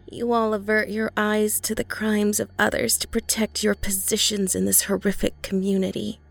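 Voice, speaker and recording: A woman voicing a possessed teenage girl whose voice sounds warped, with a raspy rumble under the girl's tone, speaking slowly and coldly. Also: little pitch movement, soft background music. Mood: menacing. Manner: slow, cold, accusing.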